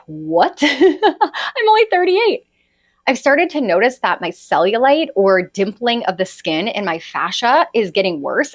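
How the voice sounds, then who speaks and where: A woman in her late thirties talks through a solo podcast episode in a chatty, confiding tone. Her voice swoops up and down with animated, lively intonation. She keeps pulling her listeners in with little "right?" asides. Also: mid-range voice. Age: 30s. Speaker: podcast host and holistic health coach.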